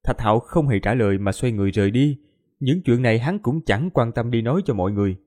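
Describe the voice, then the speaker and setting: A man narrating an audiobook in a steady storytelling manner. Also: mid-range voice, quick pace.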